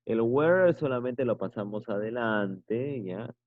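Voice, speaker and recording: A man's voice: medium pitch, expressive, slow, no echo. A male teacher giving an online English grammar lesson, explaining patiently and checking in with short tag questions. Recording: tinny phone-like sound.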